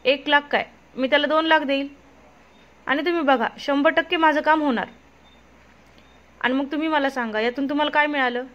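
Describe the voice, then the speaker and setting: Woman reading as a scheming corrupt official, persuasive and mocking, high voice, dull lo-fi sound. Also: steady tone, brisk, pauses often, a bit bright.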